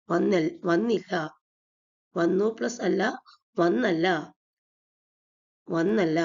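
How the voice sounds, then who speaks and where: A woman teaching a grammar lesson for exam preparation. She speaks slowly and deliberately, in a slightly low, gravelly, husky voice, and repeats each example. The recording sounds dull and lo-fi. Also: a little mellow.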